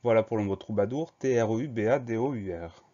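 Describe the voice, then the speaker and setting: A man's voice: lowish voice, fairly quick, mellow. Man spelling words letter by letter. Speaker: teacher. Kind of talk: spelling dictation lesson. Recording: slightly dull lo-fi sound.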